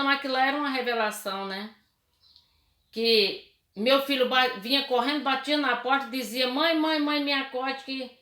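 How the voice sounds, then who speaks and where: A woman's voice: on the high side, fairly bright tone, echoey room. A middle-aged woman giving a personal church testimony, telling it with feeling, many restarts and tag questions.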